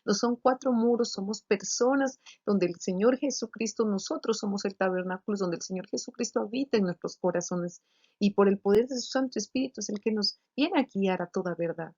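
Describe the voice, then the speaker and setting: Woman preacher, earnest testimony sermon, halting with restarts, mid pitch, slightly dull lo-fi audio. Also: darkish tone. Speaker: preacher sharing a vision.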